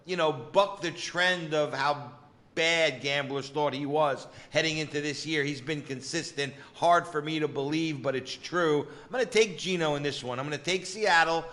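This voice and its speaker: A man's voice: a little high, moderate pace, fairly bright tone. A man co-hosting a sports betting chat, confident, with lots of "you know" fillers and punchy catchphrases. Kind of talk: casual betting-picks chat.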